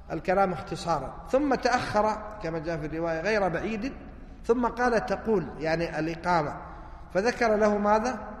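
A man, a religious teacher lecturing on hadith texts, who keeps asking rhetorical questions and answering them himself. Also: sits high. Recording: echoey hall reverb.

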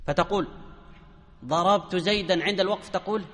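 A man's voice: sits high, a little fast, fairly bright tone, big-room sound. A man teaching a grammar lesson to a class, often asking questions and answering them himself.

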